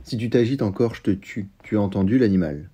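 In a storybook reading, a rough, childish young farmhand shouts and taunts in a husky, dark voice, as a male narrator plays him. He sounds loud and excitable. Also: lowish voice, a little fast. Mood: boisterous.

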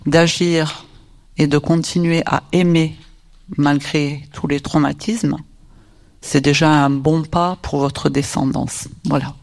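A man with a fairly high, gravelly voice talks slowly and reflectively. He often repeats a word while searching for the next, and gives his remarks a thoughtful, unhurried shape. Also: fairly even intonation. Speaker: workshop participant. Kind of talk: reflective talk.

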